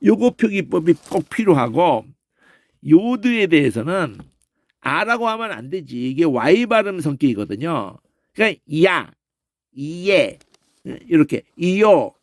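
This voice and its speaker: A middle-aged man giving an informal pronunciation lesson, demonstrating sounds aloud and checking in with quick questioning grunts. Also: on the high side, big pitch swings, no room sound, studio quality. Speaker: Bible language teacher.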